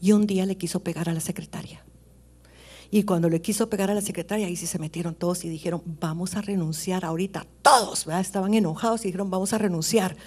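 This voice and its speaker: A middle-aged woman preaching a sermon, swinging between loud, high exclamations and hushed whispers as she tells stories. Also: fairly even intonation, fast, slightly rough.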